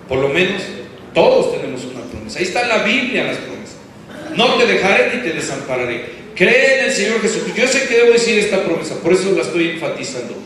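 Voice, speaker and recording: A man's voice: high-pitched, fairly bright tone. A man preaching a sermon, emphatic and asking the congregation questions as he goes. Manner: emphatic, asks the congregation questions, uses football comparisons. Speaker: pastor. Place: church hall. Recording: echoey church hall from far off, faint background noise.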